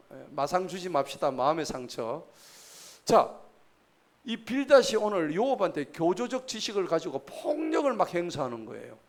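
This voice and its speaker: A man's voice: on the high side, vocal fry. A man, preaching a sermon at a church service in a folksy, joking way and quizzing the congregation. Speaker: pastor.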